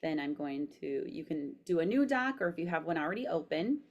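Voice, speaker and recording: A woman with a slightly low-pitched voice gives a tutorial demonstration. She speaks as an instructor dictating aloud for voice typing, in an even, explanatory way. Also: a little fast, highs cut off.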